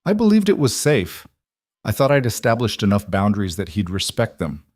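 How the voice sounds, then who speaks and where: A man's voice: on the low side, huge pitch swings, normal speed, a little mellow, dry recording, clean studio sound. A man doing a tense young mafia boss. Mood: strained. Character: young mafia boss husband, controlled and guarded.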